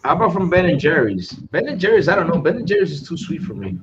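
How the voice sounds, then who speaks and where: A man in a casual live chat, often pausing and hunting for words. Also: on the high side, very animated. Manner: hesitant, searching for words. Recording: muffled, noisy live-stream audio.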